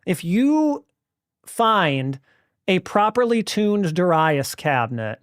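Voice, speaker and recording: A man hosting a live stream talks casually and loosely, doubling back and restarting his sentences as he goes. His voice sits a little high and sounds smooth and clear. The sound is dry, as if recorded close to the mic with no room echo. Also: sing-song, takes it slowly. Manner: rambling, restarts sentences, self-correcting, friendly. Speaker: streamer and host. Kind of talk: casual live-stream talk about retro games.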